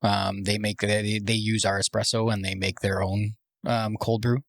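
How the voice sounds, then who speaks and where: Low, flat-voiced Canadian man with gravelly tone. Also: moderate pace, dry recording, clean studio sound. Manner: hesitant, frequent "um" fillers. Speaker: coffee roaster and cafe owner. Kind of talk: casual podcast interview.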